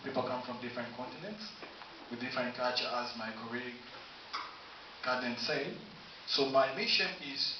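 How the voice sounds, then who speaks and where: A man from Tanzania, a public policy student, giving a formal, halting campaign speech for student council in a university room. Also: mid-range voice. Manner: formal, listing points, slow halting delivery. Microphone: camera from afar, no mic. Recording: distant echoey room, dull hissy sound.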